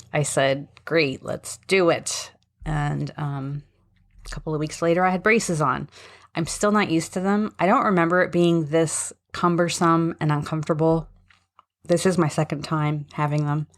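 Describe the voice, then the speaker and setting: A middle-aged American woman chatting casually as a podcast host, rambling and hesitant, with a slight lisp from braces. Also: sits low. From suburban Philadelphia, US. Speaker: podcast host, special education advocate. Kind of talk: casual solo podcast talk.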